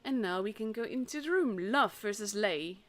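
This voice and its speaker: With lively intonation, a fairly bright tone and medium pitch, a young esports caster and streamer commentates a tournament at a moderate pace. She is from the Netherlands, a native Dutch speaker with a Dutch accent, chatting casually and rambling with fillers and restarts. Faint stream music is in the background.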